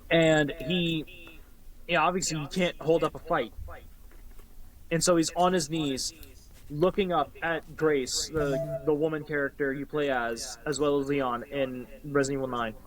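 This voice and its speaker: A man co-hosting a casual podcast chat, talking in an animated, emphatic way and swearing freely. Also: on the high side, a little slow, poor audio. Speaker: podcast co-host.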